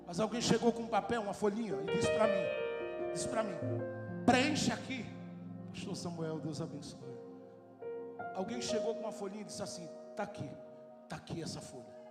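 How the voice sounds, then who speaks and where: A man preaching a fervent sermon with a Brazilian Portuguese accent, on a handheld mic, swelling into shouting. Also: high voice, moderate pace, pauses often. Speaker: pastor. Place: large church hall. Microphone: handheld microphone. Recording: echoey hall with loud music. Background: loud worship music.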